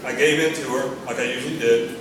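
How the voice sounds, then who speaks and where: A middle-aged American man from Texas gives a father of the bride speech at a wedding, sentimental and gently humorous in a measured delivery. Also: mid-range voice, fairly even intonation, distant mic. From Texas, United States. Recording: echoey room from afar, noisy.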